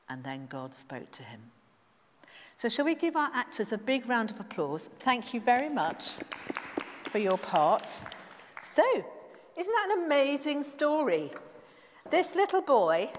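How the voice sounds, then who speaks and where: Animated woman telling a children's story. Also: medium pitch. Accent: English. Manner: animated storyteller, directing volunteer actors. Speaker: children's talk leader at church. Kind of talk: children's talk in a church service. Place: church. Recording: echoey church hall.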